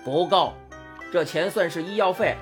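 A woman voicing a rude, bullying male cart driver who talks gruffly and scornfully. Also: lowish voice, moderate pace, soft background music, close to an everyday voice. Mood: rough, scornful.

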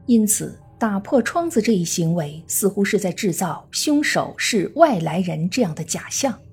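A woman true crime narrator reading a scripted case story in a measured storytelling manner. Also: mid-range voice, sing-song, a little mellow, husky. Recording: faint music under the voice. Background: faint background music.

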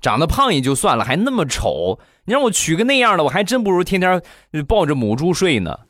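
A man's voice: mid-range voice, wildly swooping pitch, brisk, fairly bright tone, no room sound, clean studio sound, voice pushed up. A man voicing his picky young cousin, who whines and complains in a raised voice. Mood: whiny. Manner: whiny, complaining.

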